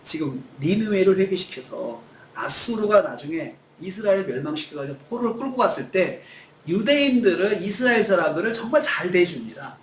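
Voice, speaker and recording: A man's voice: high voice, lively intonation, a little fast, reverberant, slight background noise. A male pastor preaching a sermon, acting out quoted lines in shifting voices. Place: church sanctuary.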